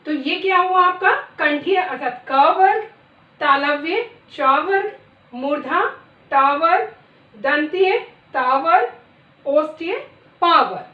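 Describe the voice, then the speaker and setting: A middle-aged woman teaching a lesson, reciting letters one by one in a deliberate way. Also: extremely high pitch, animated. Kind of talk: classroom lesson. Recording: echoey room, distant dull mic.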